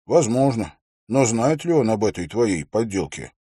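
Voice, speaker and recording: A man's voice: on the low side, big pitch swings, unhurried, warm tone, husky, no room sound, clean studio sound, voice pushed up, exaggerated voice. A man voicing an honest young knight who speaks earnestly and a little hesitantly.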